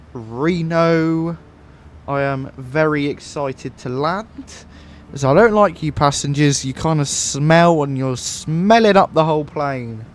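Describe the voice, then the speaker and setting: A man's voice: fairly high pitch, slight background noise. A man playing a mock airline captain who makes a formal cabin announcement laced with jokey insults for the passengers.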